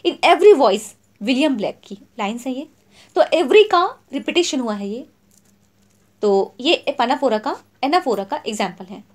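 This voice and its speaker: A woman teacher explaining English literary terms in a Hindi exam lesson. She reads English definitions slowly and word by word, then explains them in Hindi, often checking in with "theek hai". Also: fairly high pitch, animated.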